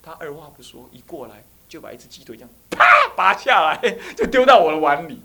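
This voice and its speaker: A man, a Buddhist abbot giving a dharma class to monastic students and telling personal stories in an animated way. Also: on the high side, fast talker, vocal fry. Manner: animated storyteller who acts out dialogue.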